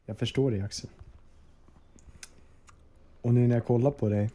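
A man with a very dark, mellow timbre and a husky edge speaks in a pompous, solemn storyteller tone. He sounds like a podcast host hamming up a dramatic reading. His voice comes through a video call. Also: mid-range voice, fairly even intonation. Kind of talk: mock-dramatic reading, then casual chat.

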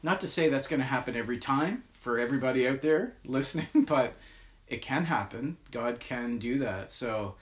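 A man co-hosting a podcast, talking about faith in a halting way, searching for his words. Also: medium pitch, lively intonation. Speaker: podcast co-host. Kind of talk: casual faith chat.

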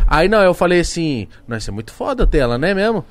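Quick, slangy man. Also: on the high side, big pitch swings. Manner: joking, slangy storyteller. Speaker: podcast co-host. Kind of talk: casual chat.

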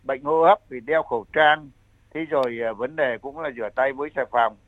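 An older man explains public health advice as an expert guest, in halting, repetitive phrasing. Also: medium pitch, no room sound. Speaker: medical expert guest, senior health adviser. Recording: thin phone-like line.

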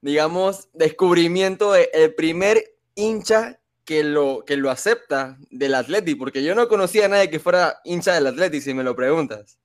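A man's voice: on the high side, moderate pace. A man co-hosting a sports podcast, chatting casually and asking curious questions.

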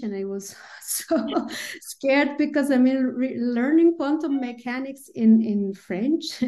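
A middle-aged woman from Iran, a physicist speaking as a podcast guest in a relaxed, hesitant way with many fillers and light laughs. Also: fairly high pitch. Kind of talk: conversational interview.

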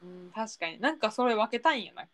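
A woman's voice: medium pitch, quick pace, no echo. A young woman with a Kansai accent, co-hosting a casual, playful podcast chat. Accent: Kansai Japanese. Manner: animated, playful banter. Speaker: podcast co-host.

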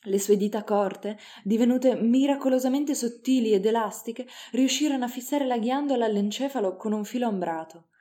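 A woman narrating an audiobook in a measured, dramatic reading. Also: a little high, warm tone.

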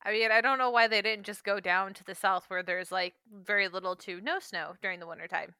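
A woman's voice: medium pitch, fairly even intonation, a little fast, bright, forceful tone, smooth, no echo. A woman co-hosting a casual history podcast, reading from notes with jokey asides and frequent laughter. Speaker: podcast co-host.

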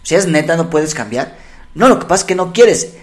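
A middle-aged man talks in a fairly high voice. He reflects out loud and slips into quoting his own angry inner thoughts. The pace is relaxed and conversational. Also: brisk. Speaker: podcast co-host. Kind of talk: casual chat.

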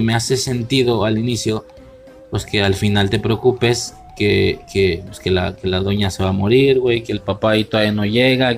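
A young man with a Mexican accent giving a rambling, slang-heavy spoken film commentary, often correcting himself, with faint music underneath. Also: on the low side. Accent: Mexican Spanish. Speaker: podcast host reviewing a film. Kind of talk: casual solo commentary.

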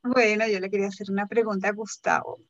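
A woman's voice: mid-range voice, steady tone, quick pace, fairly bright tone, highs cut off. A woman politely putting a long question to a writer during a panel talk. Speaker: audience questioner.

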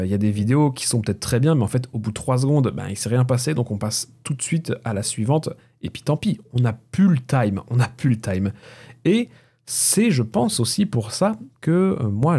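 A man's voice: medium pitch, expressive, normal speed, warm tone, husky. A man in his thirties hosting a casual solo podcast, rambling and self-mocking with lots of fillers, close to a mic with a pop filter. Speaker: podcast host. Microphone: close microphone with pop filter.

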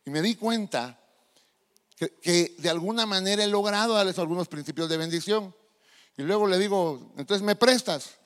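A male pastor preaching a sermon, animated and asking the congregation questions. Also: sits high, moderate pace. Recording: long hall reverb.

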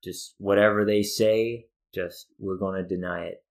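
A man's voice: deep voice, steady tone, moderate pace. A man in an improvised comedy murder mystery, talking in a hesitant, rambling way. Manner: hesitant, rambling, full of fillers. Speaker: improv player. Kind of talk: improvised comedy role-play.

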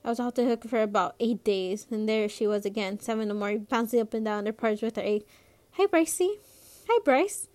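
A woman's voice: mid-range voice, level tone, quick pace, few pauses, a little mellow. A woman reading a young-adult novel aloud, narrating in the first person. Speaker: reader.

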